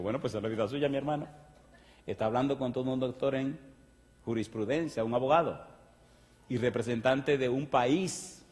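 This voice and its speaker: A man preaching a sermon with emphatic calls to the congregation. He reads scripture slowly and deliberately. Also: medium pitch, darkish tone, in a large hall. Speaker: pastor.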